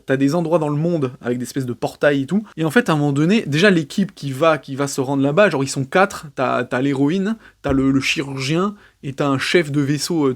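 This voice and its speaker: A young man giving a blunt, scathing film review in a casual monologue, full of fillers. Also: on the high side. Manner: blunt and scathing, many fillers like genre and euh.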